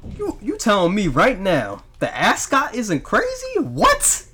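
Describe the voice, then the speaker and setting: A man's voice: sits high, huge pitch swings, measured pace, a crowd in the background. A man leading a casual group debate, insistent and slangy. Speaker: discussion leader.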